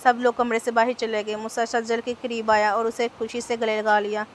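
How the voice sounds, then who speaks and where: A woman narrating a romance novel aloud, in a flat, even reading voice. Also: fairly high pitch, normal speed, slight background noise.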